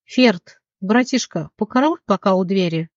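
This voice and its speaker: An audiobook narrator voicing a crude, leering young farmhand brute in a slow, low, gloating drawl, on a dull, dry recording. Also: animated, no echo. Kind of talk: audiobook character voice.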